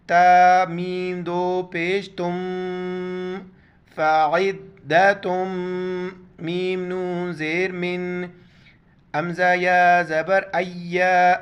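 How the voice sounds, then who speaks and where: A man teaches Quran recitation in a clear, smooth voice, pitched a little high. He spells out each letter and vowel mark, then draws out the recited words at a very slow, deliberate pace. The sound is slightly dull and lo-fi. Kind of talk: word-by-word Quran recitation lesson.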